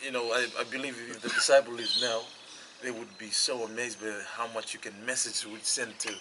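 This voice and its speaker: A man's voice: mid-range voice, steady tone, a little fast. A man from Fiji, a worship leader, talking casually about faith and family, often agreeing with "that's it". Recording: noticeable background noise.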